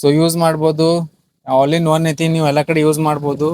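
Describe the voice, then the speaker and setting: With a fairly high, slightly mellow voice, a man presents a product for a shop video, talking flatly and fairly quickly. He has a North Karnataka Kannada accent, and his casual unboxing style features repetitive sales patter sprinkled with English words.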